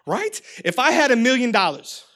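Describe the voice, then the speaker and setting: A man in his thirties preaching a lively, humorous sermon, calling on the congregation to repeat after him, his voice starting to go hoarse. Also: very high voice, moderate pace. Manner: energetic, humorous preaching with crowd call-and-response. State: voice getting hoarse. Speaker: pastor.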